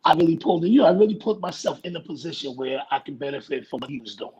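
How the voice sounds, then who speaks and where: A middle-aged man with a raspy voice, chatting casually as an interview guest, rambling and laughing as he tells stories. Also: a little high, animated, racing, warm tone, lo-fi sound, slight background noise. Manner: laid-back, rambling storyteller who laughs often. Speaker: guest actor.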